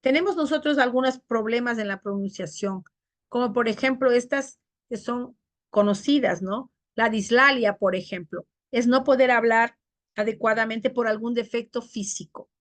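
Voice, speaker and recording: A woman teacher giving a classroom lecture on diction, explaining terms and acting out examples in higher voices. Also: normal speed, dry recording.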